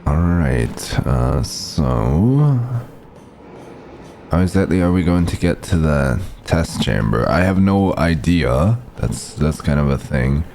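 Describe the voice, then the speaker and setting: A man with a rough morning voice giving halting, unsure commentary while he plays a game. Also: a bass voice, sing-song, dark tone, a little hiss or hum. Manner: halting, unsure, lots of fillers. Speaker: gamer.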